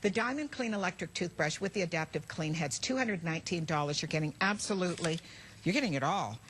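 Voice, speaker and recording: A woman's voice: on the low side, animated, fast talker, fairly bright tone, a little hiss or hum. A woman presenting live on a shopping channel as host, chatting and selling effusively and often repeating her words.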